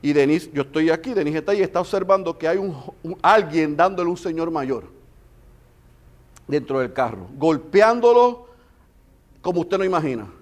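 A man preaching a sermon with passion, swinging between loud emphasis and hushed storytelling. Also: on the high side, a little fast. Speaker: pastor.

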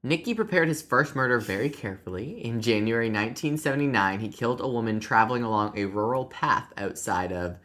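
A woman's voice: very deep voice, animated, fairly quick, few pauses, fairly bright tone. A young woman co-hosting a true crime podcast, chatting casually and joking, with some swearing. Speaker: podcast co-host.

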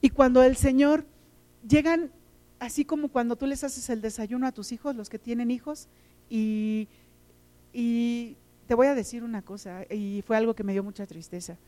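A middle-aged woman preaches with a fairly high voice. She tells personal stories with feeling and often repeats words for emphasis. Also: fairly even intonation, normal speed, dark tone. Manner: emotional, storytelling, repeats words. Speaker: teacher and lay preacher.

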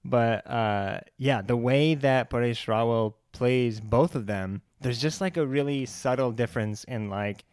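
A young man co-hosting a casual film chat, relaxed and talkative with many fillers and easy laughter. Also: mid-range voice, a little slow, few pauses, clean tone, no room sound, studio quality. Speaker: podcast co-host.

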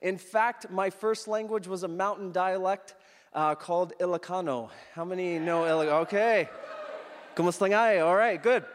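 Recorded in a church hall with long reverb and slight background noise, a man in his thirties raised in the Philippines preaches as a guest, weaving in his own story with humor and cheer. His voice is high-pitched and steady, at normal speed.

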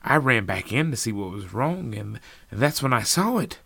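A man's voice: medium pitch, sing-song, normal speed, creaky, bright, forceful tone, breathy edge, no room sound, exaggerated voice. A man reading as a stammering nervous witness. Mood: flustered. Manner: hesitant, stammering. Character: nervous adult male friend, flustered witness.

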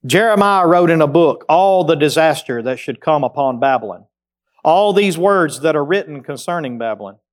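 A man preaching a sermon, reading scripture aloud and rising in pitch as he urges his listeners on in a plainspoken, folksy way. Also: expressive, normal speed. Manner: reads scripture aloud, rises in pitch when exhorting. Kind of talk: sermon, Bible study teaching.

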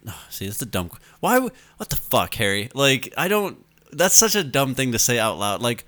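A man's voice: mid-range voice, sing-song, moderate pace, a bit bright. A young man co-hosting a casual podcast chat, rambling and self-mocking, laughing often. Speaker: podcast co-host.

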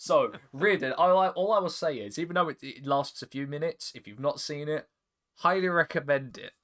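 A man with an English estuary accent hosts a podcast, chatting loosely with lots of laughter and stumbles that lead to restarts. His voice runs a little fast, on the high side, with a fairly bright tone.

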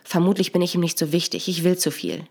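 A woman's voice: on the low side, big pitch swings, quick pace, gravelly, darkish tone, full character voice. A woman reading the lines of a hurt, needy young woman who pleads and accuses, in a scripted story. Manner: pleading, resentful.

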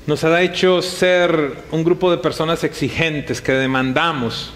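High-voiced man preaching a sermon. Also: steady tone, measured pace, fairly bright tone, a little hiss or hum. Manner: conversational preaching with rhetorical questions to the congregation. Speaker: pastor.

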